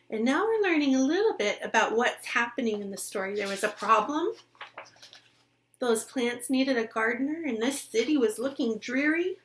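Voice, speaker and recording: A woman with a fairly high voice reads a children's picture book aloud very slowly. She sounds like a teacher, reading expressively, explaining things simply, and often asking her young listeners questions.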